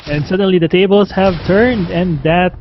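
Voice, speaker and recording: A man's voice: high-pitched, fairly even intonation, normal speed, slight background noise. A man giving live commentary on an esports match, talking conversationally with frequent fillers. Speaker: esports caster. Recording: dull lo-fi stream audio with game music.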